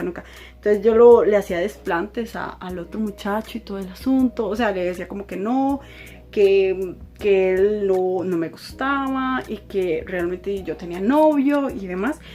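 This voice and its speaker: A young woman with a Costa Rican accent telling a personal story in a chatty, animated way, laughing often. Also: mid-range voice. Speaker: vlogger. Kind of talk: casual storytime.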